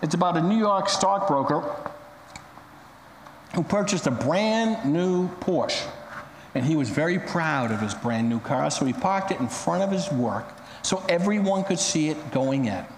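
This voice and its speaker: A man's voice: a little high, expressive, a little slow, reverberant, in a large hall, a little hiss or hum, low-quality recording. A male pastor preaching a sermon, telling stories dramatically and acting out the quotes. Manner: dramatic storytelling with acted quotes.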